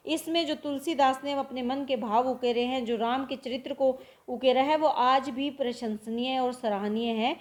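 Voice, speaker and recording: A woman with a high voice and fairly even intonation gives a Hindi literature lecture. She walks through word examples step by step, slowing down to repeat them and posing questions to herself along the way.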